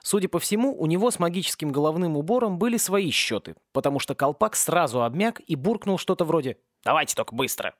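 A man narrating a satirical fantasy audiobook in a lively, wry storytelling manner, on a close mic. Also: on the high side, fast talker, hardly any pauses, no echo. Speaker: audiobook reader.

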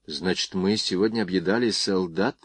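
A man reading the lines of a sharp-tongued, teasing young woman, with a reproachful manner and dry close sound. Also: low-pitched, moderate pace, slightly rough, no room sound.

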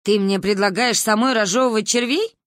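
A woman voicing a stern, sharp-tongued grandmother who grumbles and mocks. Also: mid-range voice, brisk, no echo, clean studio sound, lightly acted. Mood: scolding.

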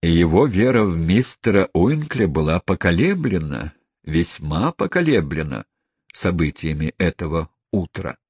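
A deep, husky male narrator reads a comic novel with expressive, gently ironic phrasing. His low voice swings widely in pitch, close and dry with no room sound. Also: a little slow, no room sound. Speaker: audiobook narrator. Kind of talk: scripted narration.

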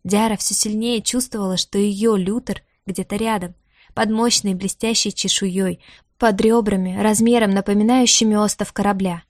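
A woman's voice: medium pitch, fairly even intonation, moderate pace, a little mellow, no echo, clean studio sound. Woman narrating a fantasy audiobook. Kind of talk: scripted narration.

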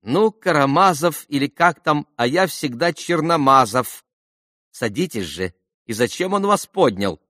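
A man's voice: on the high side, expressive, a little slow, sharp tone, no echo, voice pushed up. Man putting on a blunt folksy middle-aged wife, raised voice, dry audiobook read. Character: crude simple-minded middle-aged woman, invalid wife.

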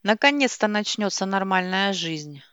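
A woman's voice: mid-range voice, animated, normal speed, a bit bright, no echo, natural voice. A woman voicing a furious young mother who hurls insults at her husband, in a dull, dry lo-fi recording. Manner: screaming insults.

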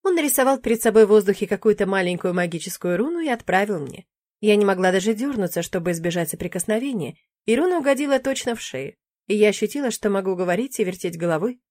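A woman reading a first-person fantasy audiobook in an expressive, emotive way. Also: mid-range voice, quick pace, no echo. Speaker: audiobook narrator.

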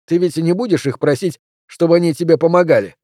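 A man voicing a schoolboy who speaks calmly and reasons with a bully. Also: fairly high pitch, fast, dry recording, studio quality, voice pushed up, lightly acted. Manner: calm, reasoning, steady. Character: calm, level-headed schoolboy.

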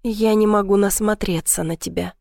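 A woman putting on a hushed, possessive young man. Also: fairly even intonation, vocal fry, no room sound, studio quality, close to an everyday voice. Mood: tender. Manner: low, slow, hushed, commanding. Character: intense possessive young man, a jealous lover. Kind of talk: audiobook character reading.

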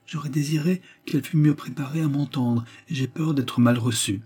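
A man voicing a shy, awkward young country nobleman who speaks hesitantly and softly. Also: medium pitch, normal speed, slightly rough, pitched above the performer's own voice, lightly acted. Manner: hesitant, soft, self-deprecating.

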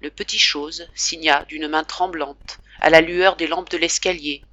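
An audiobook reader, this woman has a low-pitched voice that is still bright and ringing, with fairly even intonation. She narrates a classic novel slowly and dramatically, full of emotion, in a close, dry recording free of room sound.

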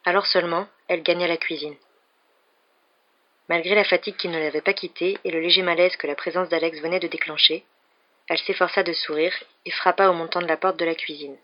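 A woman reading a novel aloud for an evening reading show, in a steady storytelling manner. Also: lowish voice, a little fast, muffled recording, slight background noise. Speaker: reader.

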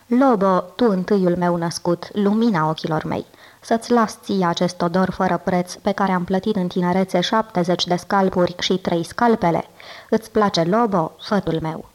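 A woman's voice: lowish voice, darkish tone, lightly acted. Woman reading as a spiteful dying old dragon father. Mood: fond. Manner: weak voice, turning contemptuous.

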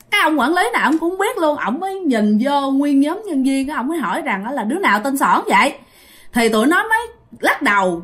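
A woman whose voice sits high and sounds fairly bright shares a ghost story in a Southern Vietnamese accent. She chats casually and addresses her listeners head-on.

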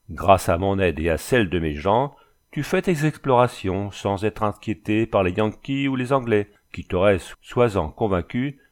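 A man reading a storybook voices a tall, cold bandit chief with a Flemish accent, speaking in a smiling, sing-song, commanding way. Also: on the low side.

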